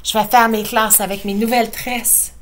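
A woman's voice: fairly high pitch, level tone, moderate pace, a bit bright, a little hiss or hum, natural voice. A woman with a Quebec French accent voicing a cheerful schoolteacher who gushes over braids in a storybook. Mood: gushing. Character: cheerful, easily charmed schoolteacher.

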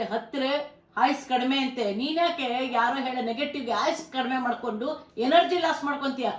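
A middle-aged mother with a Kannada accent speaks in a fairly high voice, pleading with and scolding her listeners. The sound carries a noticeable room echo. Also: a bit bright. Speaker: mother of a vlogger. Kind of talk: emotional family talk.

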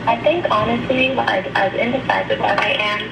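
A woman's voice: a little high, moderate pace, gravelly. Young woman, off-camera friend, rambling casual advice, heavy background noise. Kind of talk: casual chat. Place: home kitchen, off camera.

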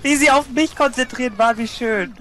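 A man's voice: very high voice, normal speed, bright, forceful tone. A young man chatting playfully and boastfully during a casual gaming session. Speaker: gamer.

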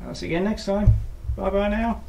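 A model railway vlogger, croaky from a sore throat, chats with self-deprecating humor and many ums as he works on his layout in a small bedroom. His high-pitched voice is brisk and a little mellow, captured on a noisy home camera.

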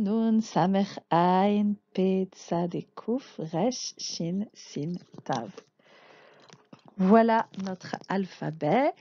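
Woman teacher, unhurried, patient, letter-by-letter lesson, dry slightly muffled recording. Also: mid-range voice, warm tone, dry recording. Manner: patient, spells out letters one by one. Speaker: Hebrew teacher. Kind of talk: slow spoken lesson.

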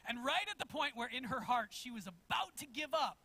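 A man preaching a sermon as pastor in a church, telling a story in an animated way and chuckling as he goes. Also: very high-pitched, fairly quick, slightly rough. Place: church sanctuary.

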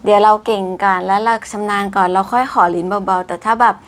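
A woman giving a casual English vocabulary lesson, drawing out each word slowly with exaggerated mouth shapes. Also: mid-range voice, steady tone. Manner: exaggerated slow pronunciation of English words; chatty, polite particles.

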